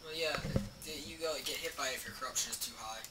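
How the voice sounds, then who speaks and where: A man's voice: mid-range voice, fast talker. A man chatting casually beside the player, offering offhand, knowing game tips. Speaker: friend watching the playthrough. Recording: distant voice with loud background noise.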